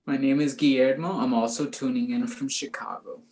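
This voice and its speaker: A man from Puerto Rico chats in an easygoing way during a casual video interview and giggles now and then. His voice is of medium pitch. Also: fairly even intonation, brisk, a little mellow. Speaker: band member, guest.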